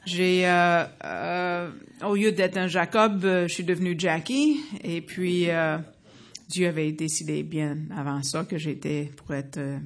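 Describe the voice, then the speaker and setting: A woman in her fifties from the United States giving a personal faith testimony to an audience, earnest and halting, with frequent fillers and restarts. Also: low voice. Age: 50s.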